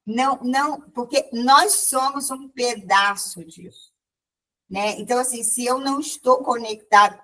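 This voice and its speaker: A woman's voice: fairly high pitch, a little slow, bright, forceful tone, far from the mic, low-quality recording. A woman sharing a spiritual testimony at a group meeting, telling it with many restarts and quoted dialogue.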